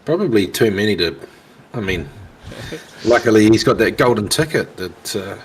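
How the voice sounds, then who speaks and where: A man's voice: lowish voice, animated, moderate pace. A man giving casual, chatty, somewhat hesitant co-commentary on a race. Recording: clear engine noise behind. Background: vehicle engines.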